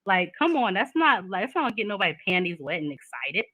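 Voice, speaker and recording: A woman's voice: medium pitch, sing-song, fast, no room sound, narrow, tinny audio. A woman, talking candidly in a casual chat and laughing often.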